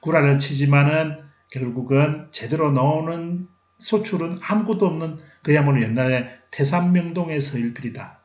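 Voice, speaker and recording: A man's voice: on the high side, moderate pace. A middle-aged man giving a recorded history lecture, asking questions and then answering them himself. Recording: roomy, slightly dull lecture recording.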